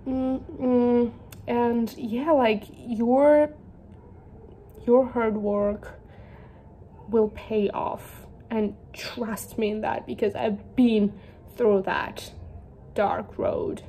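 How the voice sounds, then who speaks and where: A woman's voice: on the high side, steady tone, drawn-out words, long pauses, warm tone, a little hiss or hum. A young woman from Georgia, a native Georgian speaker, chatting casually in English about her books, giggly and self-deprecating. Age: young adult. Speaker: book vlogger. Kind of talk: casual chat.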